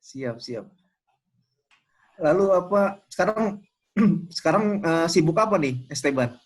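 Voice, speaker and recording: A man's voice: a little high, animated, slow pace, low-quality recording. A man hosting a casual sports interview. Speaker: host.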